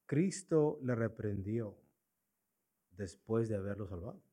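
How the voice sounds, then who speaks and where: Mellow-voiced preacher posing questions. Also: male voice, fairly low pitch, expressive, slow pace. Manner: asks the congregation rhetorical questions, repeats key points. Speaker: pastor. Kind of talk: sermon. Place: church.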